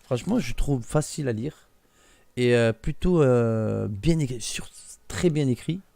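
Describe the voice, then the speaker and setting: A man's voice: mid-range voice, a little slow, vocal fry, mellow, dry recording. A young man reading a classic story aloud as a streamer, breaking off for hesitant, filler-heavy asides. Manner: hesitant asides with many fillers between read passages.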